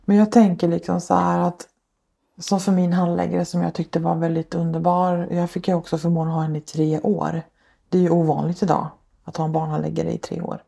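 A woman speaks low and dark, with a gravelly fry running through her words. She is a social worker who is a guest on a podcast. She tells her own past earnestly, step by step, and leans on many small fillers. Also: level tone. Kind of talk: personal account in a podcast interview.

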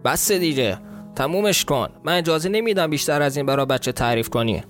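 A man's voice: sits high, expressive, faint music behind, pitched above the performer's own voice. A man with a southern Iranian accent voicing a pompous, bullying middle-aged uncle who speaks in a commanding, blustering way in a storybook reading.

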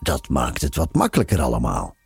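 Narrator as a serene, riddling storyteller, deep and gravelly, in no hurry. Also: male voice, huge pitch swings, a little fast, faint music behind, full character voice. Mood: patient. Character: calm, enigmatic storyteller man, always smiling.

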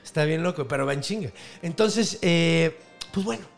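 A man with a Mexican Spanish accent, casually retelling a folk tale as podcast host, slangy and animated. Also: on the high side, vocal fry, soft background music. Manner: slangy, animated, quick asides.

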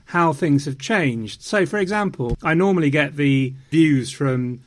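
A man's voice: a little high, unhurried. Theatrical, wry man. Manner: theatrical, wry, slips into mock French. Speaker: podcast host. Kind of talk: casual chat.

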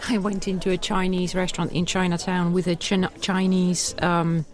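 A woman's voice: on the low side, level tone, normal speed. A woman co-hosting a podcast, telling anecdotes in casual chat with dry, teasing asides. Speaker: podcast co-host.

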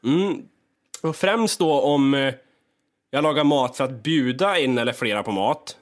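A man in a casual podcast chat, talking animatedly and swearing freely while he acts out his own grumbling. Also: mid-range voice. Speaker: podcast co-host.

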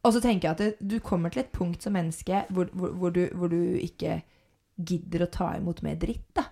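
A woman's voice: on the low side, fairly even intonation, creaky, mellow. Frank, heated woman. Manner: frank, heated, swears freely. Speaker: podcast host. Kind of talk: casual chat.

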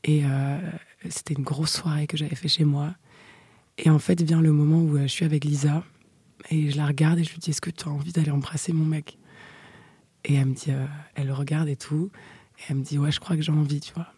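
A young woman chatting frankly into a close mic, her voice husky and breathy, often sinking to a half-whisper between fillers. The tone is dark and mellow, and the room sounds dry and dead. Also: deep voice, flat delivery, brisk, dry recording. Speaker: storyteller guest. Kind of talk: casual chat, personal anecdote.

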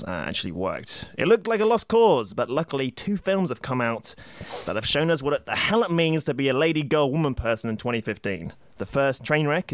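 A man's voice: medium pitch, no room sound. A man co-hosting a podcast in casual, jokey chat, laughing often. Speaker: podcast co-host.

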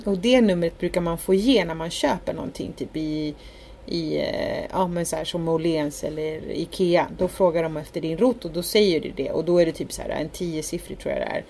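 A woman with a lowish, mellow voice tells a story casually, packed with fillers and quick acted-out bits of dialogue. There is a faint hiss of background noise behind her. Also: creaky. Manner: chatty, heavy fillers, acts out quoted dialogue. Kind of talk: casual anecdote telling.

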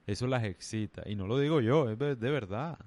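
A man with a medium-pitched, slightly mellow voice talks a little fast with the accent of Colombia's Caribbean coast. He's casually ranting to camera, rambling and emphatic, and his speech is full of slang.

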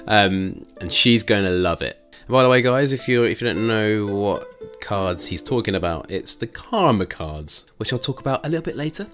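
Male podcast host, low-ish voice, loose chatty delivery with frequent laughs, soft guitar bed. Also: expressive, moderate pace. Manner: chatty, laughs often, rambling asides. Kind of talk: casual solo podcast chat.

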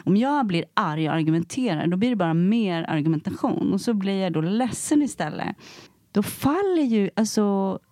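Animated woman chatting on a podcast. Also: mid-range voice, dry recording, studio quality. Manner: animated, acts out quotes. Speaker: podcast host. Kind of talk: casual chat between friends.

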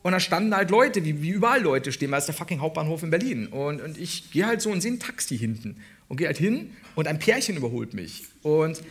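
A high-voiced man co-hosting a comedy podcast tells a story on stage before a live audience, laughing as he goes and slipping into voices for the people in it. His tone is bright and forceful. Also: brisk. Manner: animated, laughing, acts out voices in anecdotes. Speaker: podcast co-host.

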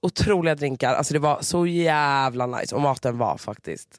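A man in casual conversation, excitable and teasing, reacting quickly and swearing now and then. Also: medium pitch, dry recording, clean studio sound. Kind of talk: casual chat.

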